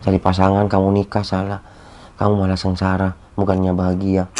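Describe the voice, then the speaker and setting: A man playing an ailing young husband who feels guilty, speaking softly and wearily as if feverish and dizzy, in an amateur skit. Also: deep voice, completely flat delivery, brisk, natural voice. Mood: tired tender. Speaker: sick husband.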